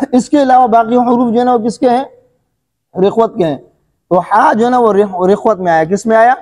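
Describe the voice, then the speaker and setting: A man teaching a Quran recitation lesson, quizzing his listeners with repeated questions and answers, coughing and clearing his throat now and then. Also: very high voice, a little mellow, in a large hall. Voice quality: repetitive question-and-answer teaching, frequent filler phrases. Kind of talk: classroom tajweed lesson.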